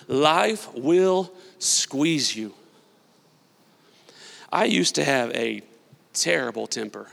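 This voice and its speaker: A male pastor delivers a sermon in a large church hall, his voice bright and edged with a gravelly fry. He moves between loud, emphatic preaching and quiet, confessional storytelling. A long reverb from the hall trails each phrase. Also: a little high.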